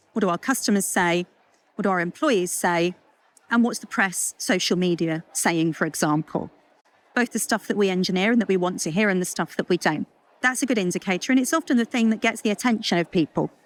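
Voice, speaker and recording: A woman giving a chatty, lively conference talk, full of jokes and asides. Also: mid-range voice. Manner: lively, chatty, self-deprecating with puns and asides. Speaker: culture consultant speaker. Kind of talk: conference talk to a live audience.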